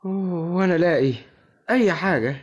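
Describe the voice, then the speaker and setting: An actor playing a broke, lovesick young man who gets eagerly excited about striking it rich, in an old radio play. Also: high-pitched, breathy edge, lo-fi sound. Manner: eager, rushed.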